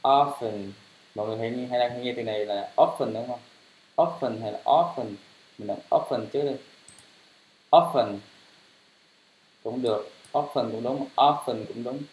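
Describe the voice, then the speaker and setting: A man teaching English pronunciation, spelling words letter by letter and repeating them louder. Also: mid-range voice, moderate pace. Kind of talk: pronunciation lesson. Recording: roomy, dull lo-fi sound.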